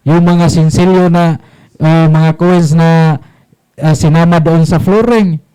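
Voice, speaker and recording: Slow priest quizzing his flock. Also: on the high side, fairly even intonation, dark tone, smooth, low-quality recording. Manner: rhetorical questions, short call-and-response phrases. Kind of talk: catechism talk to a congregation.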